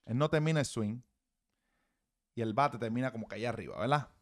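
A man's voice: medium pitch, brisk. A man, a baseball hitting coach, giving blunt, profane, emphatic swing-analysis commentary.

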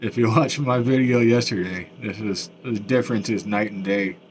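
A man's voice: lowish voice, slight background noise. Man talking through new dentures, numb. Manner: halting, with many fillers and restarts. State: mouth still numb after dental work. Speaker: vlogger. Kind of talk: casual video update.

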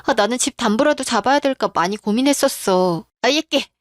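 A woman's voice: fairly high pitch, a little fast, dry recording, studio quality. A woman narrating a radio-style drama in a plain, earnest manner. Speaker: narrator and storyteller.

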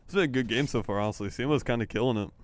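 A young man casting a college esports match in a relaxed, chatty way, laughing often. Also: mid-range voice, rapid-fire, a little hiss or hum. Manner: laid-back, laughs often, filler-heavy. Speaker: esports caster. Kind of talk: casual game commentary.

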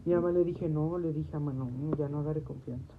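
A woman's voice: low-pitched, steady tone, a little fast. Rambling woman on a noisy phone stream. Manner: repetitive, restarts phrases, quotes herself often. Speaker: livestream host. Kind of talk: casual rambling storytelling to viewers. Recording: noisy tinny phone audio.

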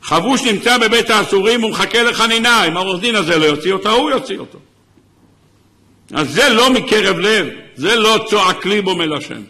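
A man's voice: high-pitched, expressive, bright, forceful tone. A man, a rabbi, giving an impassioned sermon, sometimes crying out. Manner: impassioned preaching, crying out in places.

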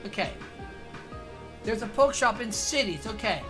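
A woman's voice: fairly high pitch, lively intonation, measured pace. A woman streaming a video game, thinking aloud and asking herself questions as she plays. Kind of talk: casual gameplay commentary. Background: faint game music.

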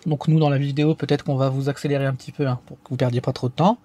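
A man's voice: mid-range voice, steady tone, very fast, warm tone. A man hosting a casual step-by-step tech tutorial, talking hesitantly with frequent fillers and restarts.

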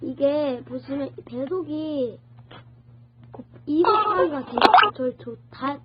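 A woman's voice: high voice, slow pace. A woman whose voice is sped up by an app, giving a casual phone tutorial and losing track of her words now and then. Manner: chatty, loses track of words and restarts. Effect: sped-up voice from a video app. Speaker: tutorial host. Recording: dull lo-fi sound with faint noise.

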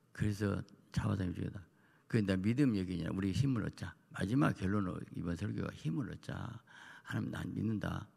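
A man's voice: low voice, creaky, darkish tone. A middle-aged male pastor giving a rambling, conversational early-morning sermon full of personal stories. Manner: rambling, personal storytelling with asides. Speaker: senior pastor.

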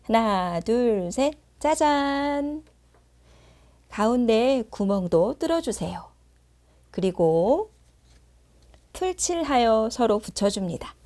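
A woman's voice: on the high side, animated, takes it slowly, mellow. A woman narrating a children's craft lesson in a simple, sing-song manner aimed at toddlers, like a Sunday school teacher.

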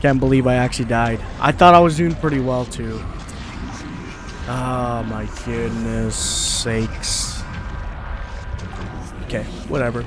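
A man's voice: mid-range voice, steady tone, slow, long pauses, noisy background. A young man giving casual let's play commentary, slangy and sweary, often repeating short phrases. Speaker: gaming streamer. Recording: loud game music behind voice.

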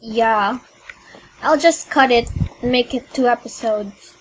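A woman's voice: a little high, poor audio. A young woman casually chatting while playing a video game, teaching and teasing her mother in a bossy way. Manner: bossy, teasing, quick to scold. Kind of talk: casual gameplay chat. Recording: faint background noise.

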